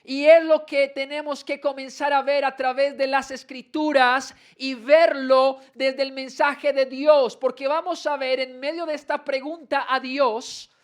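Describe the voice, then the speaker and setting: A male pastor delivering a church sermon, asking the congregation questions and reading scripture slowly with rising emphasis. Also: very high voice, level tone. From Colombia. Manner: preaches with rhetorical questions to the congregation. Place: church sanctuary.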